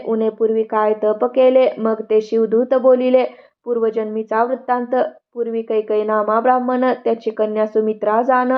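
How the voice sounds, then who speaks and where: Woman reader, higher voice, flat even chant of sacred verses, dull lo-fi sound. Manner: steady, even verse-by-verse recitation. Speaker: devotional scripture reader.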